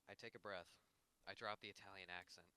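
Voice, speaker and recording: A man's voice: low voice, steady tone, fast, clean tone. A man playing a tabletop role-playing game, chatting brashly with the table. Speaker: player. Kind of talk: tabletop role-play chat. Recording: loud background noise.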